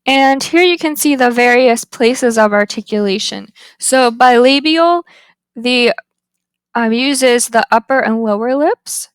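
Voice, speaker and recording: A woman with a fairly high voice gives a phonetics lesson at an unhurried, careful pace. She lingers over each example word. The sound is dry and close, with no room echo. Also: clean tone. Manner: slow and deliberate, drawing out example words. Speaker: phonetics instructor. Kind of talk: slide-based lecture.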